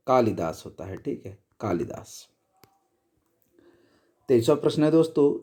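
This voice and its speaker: Very dark-voiced male Hindi tutor. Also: medium pitch. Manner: explanatory, repeats answers and says "ठीक है" often. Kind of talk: exam prep lesson.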